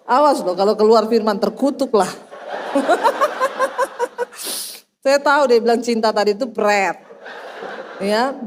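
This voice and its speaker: Middle-aged woman pastor, high voice, humorous storytelling sermon. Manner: lively storytelling with teasing humor.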